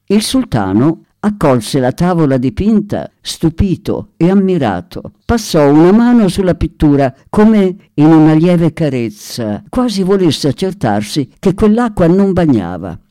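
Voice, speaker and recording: A man narrating a story in a scripted, expressive, lilting reading style. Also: fairly high pitch, a little slow, few pauses, no room sound.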